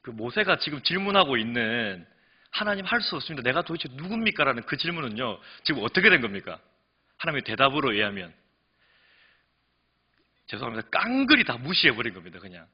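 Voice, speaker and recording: A pastor preaching at a midweek service, his delivery swinging between hushed asides and emphatic declarations. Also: mid-range voice, big pitch swings, fairly quick, long pauses, husky, muffled recording. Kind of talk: sermon. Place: church sanctuary.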